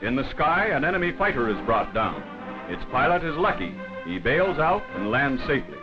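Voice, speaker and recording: A man with a mid-range, sing-song voice reads scripted wartime newsreel narration at a normal pace, in a formal, dramatic 1940s style. The audio is a dull vintage 1940s film soundtrack with loud music behind him.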